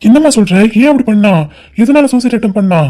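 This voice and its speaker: A woman voicing a worried middle-aged father in a cartoon, gentle and reassuring. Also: on the high side, expressive, fast, very noisy, natural voice. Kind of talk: cartoon voice acting.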